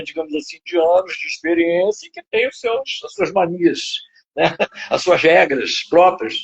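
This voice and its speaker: Rambling older man with gravelly voice. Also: high-pitched. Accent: Brazilian Portuguese. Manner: rambling, lots of fillers and tag questions. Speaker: psychoanalyst guest. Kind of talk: live interview, lecturing. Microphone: video call. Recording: dull lo-fi web stream audio.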